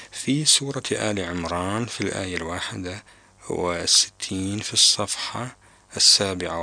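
A man teaching Quran recitation on a call-in broadcast, explaining pronunciation carefully and deliberately. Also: low voice, sharp tone.

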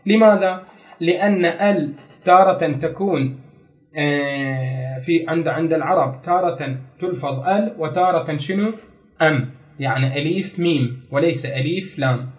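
A man's voice: fairly high pitch, normal speed, lo-fi sound. A man teaching a grammar lesson, explaining step by step, repeating key terms and putting questions to his students. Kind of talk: classroom lecture.

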